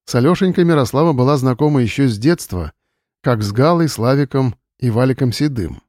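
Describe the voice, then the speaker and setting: A man narrating an audiobook in an even, measured reading style on a close mic. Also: mid-range voice, dry recording. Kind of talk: scripted narration.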